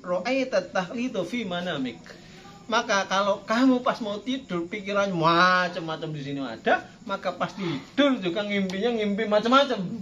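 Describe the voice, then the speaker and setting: A man's voice: sits high, bright, forceful tone. A male preacher giving a playful religious study talk, acting out tearful pleading prayers. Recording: dull lo-fi sound, faint background noise.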